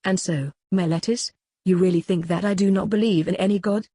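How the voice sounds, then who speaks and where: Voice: medium pitch, steady tone, dark tone, dry recording, lightly acted. A reader voicing an aged philosopher cross-examining. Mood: probing. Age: older. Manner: questioning, measured cross-examining delivery. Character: aged male philosopher on trial, probing, ironic. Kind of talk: dramatic reading of a classical dialogue.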